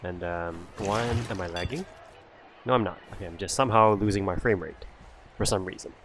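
A man giving chatty, casual gameplay commentary, getting excitable during fights. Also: sits low, a little fast, background noise. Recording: voice over loud game music.

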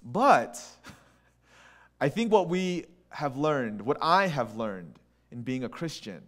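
A man preaching a sermon in a conversational, animated way, with quick restarts and acted asides. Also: medium pitch. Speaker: pastor.

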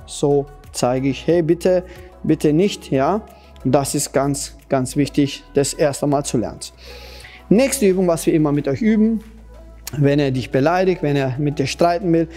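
Male self-defense coach for kids, warm and fairly high voice, patient and repetitive, simple broken phrasing, faint music behind. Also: measured pace. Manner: patient, repetitive, demonstrating as he talks. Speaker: Krav Maga kids' trainer. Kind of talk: instructional talk to children.

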